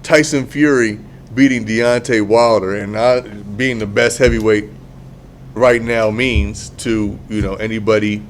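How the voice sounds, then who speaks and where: A man co-hosting a casual podcast chat, rambling, restarting his sentences and dropping into low mumbles. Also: steady tone, a little slow, slight background noise. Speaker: podcast co-host.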